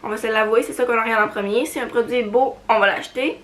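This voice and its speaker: This is a fast-talking young woman whose voice is a little high and a bit bright, with fairly even intonation. She has a Quebec French accent and chats casually in a beauty haul video, hesitant, filling pauses and giggling a little.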